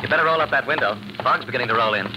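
An actor playing an impatient, domineering lover in a 1940s radio thriller, brusque and commanding. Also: male voice, medium pitch, very fast, natural voice. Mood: impatient, reassuring. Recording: very noisy old radio drama recording.

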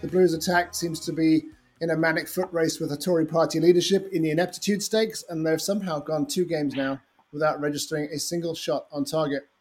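A man with a scratchy, flu-hoarse voice hosting a football podcast, with a wry scripted intro that turns to relaxed chat. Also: fairly high pitch, fairly quick. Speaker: podcast host.

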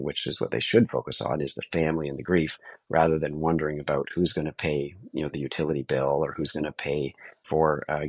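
A man answering as a podcast guest, explaining in a measured, informal way. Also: rumbling low, breathy edge, no room sound. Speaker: podcast guest, estate lawyer.

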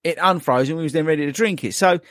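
A man's voice: on the high side, quick pace, a bit bright, no echo, studio quality. A man hosting a running podcast in casual, teasing chat. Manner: jokey, teasing, laughs a lot. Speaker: podcast host.

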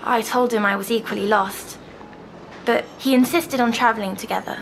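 A woman, softly recounting a dream as a patient in an audio drama. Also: a little high, steady tone, vocal fry, a little hiss or hum, low-quality recording. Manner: soft, slow, dreamy recounting.

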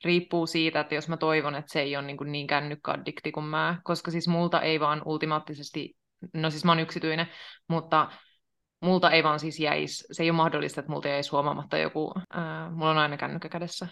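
A young woman co-hosting a podcast, chatting casually in a lively way and laughing often. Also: low voice, vocal fry. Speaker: podcast co-host. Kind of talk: casual chat.

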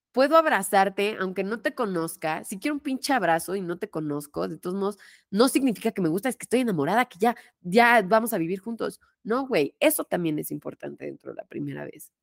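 A woman's voice: mid-range voice, fairly bright tone, no echo, clean studio sound. Blunt Mexican woman podcast host. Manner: emphatic and blunt, swears freely. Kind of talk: casual chat.

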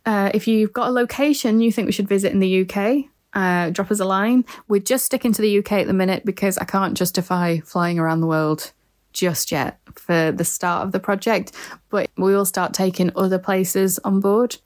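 A woman with a blended Mancunian and Yorkshire twang hosts a casual podcast. Her pitch sits in an ordinary middle range, and she talks in a relaxed, chatty, informal way. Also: moderate pace. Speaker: podcast host.

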